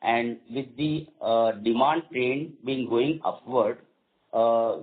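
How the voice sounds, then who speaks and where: This is a man with a mid-range voice and an Indian accent, fielding questions as a company executive during an earnings call. He speaks with halting starts and repeats phrases along the way. The recording is dull, lo-fi conference call audio.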